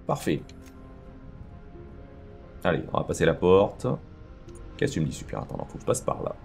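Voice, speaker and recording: A man's voice: deep voice, very animated, moderate pace, gravelly, darkish tone, soft background music. A man hosting a let's play, chatting casually and thinking aloud with lots of fillers as he plays. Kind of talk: casual gameplay commentary.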